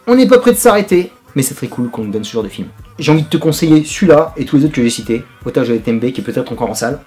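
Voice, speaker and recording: A man reviewing a film in casual, energetic slang, talking straight to his viewer as host of his channel. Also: medium pitch.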